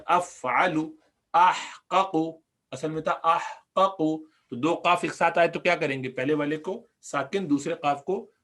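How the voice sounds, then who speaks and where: A man with a Pakistani Urdu accent teaching Arabic grammar in a recorded lesson, explaining patiently, repeating words slowly and putting questions to the class. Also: on the high side.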